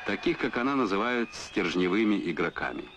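Low-voiced man narrating an old newsreel. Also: big pitch swings, fairly quick. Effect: old newsreel film soundtrack. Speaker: documentary narrator. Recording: noisy old film soundtrack.

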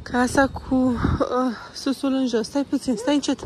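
A woman's voice: high-pitched, fairly even intonation, a little hiss or hum. Chatty mother vlogging through a mall. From Romania. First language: Romanian. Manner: chatty, coaxing and patient with her child, mixing in English phrases. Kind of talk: casual walking vlog, talking to camera and child. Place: indoor shopping mall.

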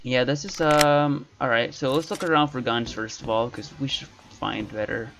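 A man's voice: mid-range voice, moderate pace, creaky, background noise. A man streaming a survival game and chatting casually, often trailing off mid-sentence. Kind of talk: casual gameplay chat. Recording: dull lo-fi stream audio.

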